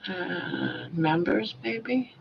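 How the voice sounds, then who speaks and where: An older woman with soft, toothless articulation from a sore mouth, chatting casually and a little self-consciously on a livestream in a rambling way. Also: fairly low pitch, lively intonation, extremely slow, vocal fry, background noise. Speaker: livestream host. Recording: dull lo-fi webcam or phone audio.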